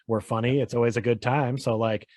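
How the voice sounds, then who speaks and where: A man's voice: medium pitch, steady tone, a little fast, darkish tone, no room sound, clean studio sound. A man hosting a podcast over a video call, chatting loosely with frequent restarts. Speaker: podcast host. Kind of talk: casual chat.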